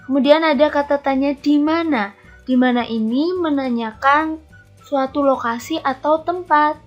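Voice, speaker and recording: A woman's voice: sits high, a little slow. A woman primary school teacher giving an online lesson to young children, encouraging them and asking them to pay attention. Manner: encouraging, addresses children directly, tag "ya". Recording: lo-fi recording with faint music.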